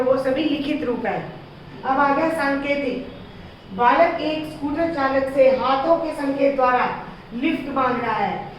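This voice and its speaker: A woman with a high voice teaches young children, explaining slowly and checking with questions. The recording is dull and lo-fi, picked up from some way off in a strongly echoing room. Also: slight background noise. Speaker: school teacher. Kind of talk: classroom grammar lesson for young children. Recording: echoey, distant, dull lo-fi sound.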